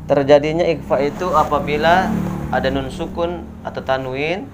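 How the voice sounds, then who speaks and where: A young adult man teaching a tajwid lesson at a whiteboard. He explains step by step, fills his speech with "nah" and "ya", and spells out letters slowly one by one. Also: a little high, fairly even intonation, over music. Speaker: Quran recitation teacher.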